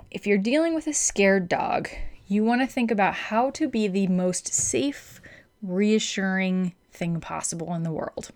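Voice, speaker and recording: A woman dog trainer explains things in a casual, instructional way. She is chatty and upbeat, and she stresses her main points firmly. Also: medium pitch. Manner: chatty, upbeat, emphatic advice-giving.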